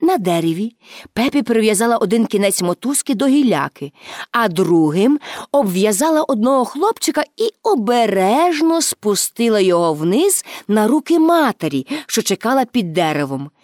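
A woman narrating a children's story aloud, expressive and with dramatic pauses. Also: mid-range voice, no echo, clean studio sound.

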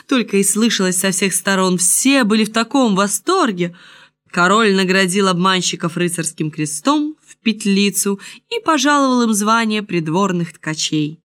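Expressive woman reading a fairy tale. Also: fairly low pitch. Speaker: storyteller. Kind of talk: storybook reading aloud.

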